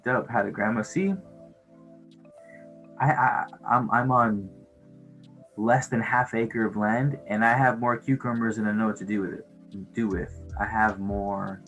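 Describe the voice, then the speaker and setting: A man's voice: on the low side, steady tone, normal speed, fairly bright tone, soft background music, rough recording. A man hosting a casual livestream, rambling in a laid-back, slangy stoner way with some swearing. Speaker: livestream host chatting with viewers.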